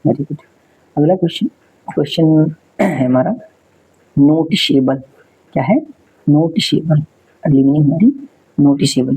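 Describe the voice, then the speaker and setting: A man's voice: a little high, mellow, slightly rough, low-quality recording. A man teaching an exam spelling lesson, repeating words and spelling them out letter by letter. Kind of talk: spelling lesson, casual explaining.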